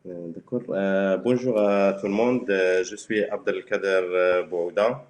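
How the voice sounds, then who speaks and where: A man from Spain with a Spanish accent, a native Spanish speaker, describing his work simply and haltingly. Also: low-pitched, fairly even intonation, darkish tone. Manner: halting, searching for words. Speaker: cleaner, webinar guest. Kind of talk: simple self-presentation. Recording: very echoey room.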